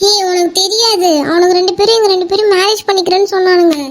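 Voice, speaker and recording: A woman's voice: extremely high pitch, steady tone, quick pace, soft background music. A woman voicing a frightened kidnapped young woman in a cartoon, pleading and scolding. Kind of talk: cartoon voice acting.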